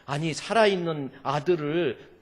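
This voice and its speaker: A man pastor preaching a sermon in a church, swinging from soft murmurs to shouted cries, with repeated refrains. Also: on the high side, a little slow. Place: church sanctuary. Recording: long reverb of a church hall.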